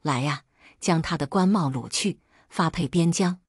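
A woman's voice: low-pitched, normal speed, breathy edge, no echo, clean studio sound. A woman voicing a stern magistrate. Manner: commanding, lecturing. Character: stern male magistrate judging a case.

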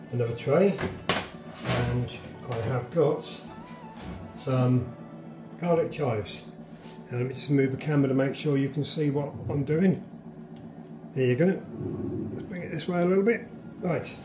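In an echoey home kitchen, a gardener with a mid-range voice casually shows how to dry herbs from his garden. He keeps his directions simple, practical, and conversational.

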